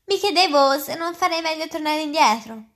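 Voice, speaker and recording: A woman's voice: sits high, animated, moderate pace, fairly bright tone, voice pushed up. A woman reading the lines of a polite, puzzled little girl in a storybook, hesitant and well-mannered. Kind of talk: reading aloud.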